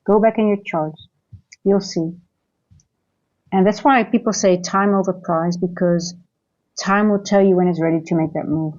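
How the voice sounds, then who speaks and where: A woman's voice: lowish voice, fairly even intonation, normal speed, pauses often, a little mellow, lo-fi sound. A woman who grew up in Singapore, hosting a live trading stream and thinking aloud as she goes, with many fillers and restarts. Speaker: trading livestream host. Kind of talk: live market commentary and viewer chat.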